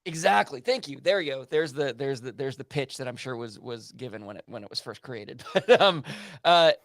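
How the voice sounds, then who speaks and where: Man, podcast host, eager rambling chatter, mid-pitched, dry close sound. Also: animated, normal speed, fairly bright tone, dry recording. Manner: enthusiastic, rambling. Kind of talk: casual podcast chat.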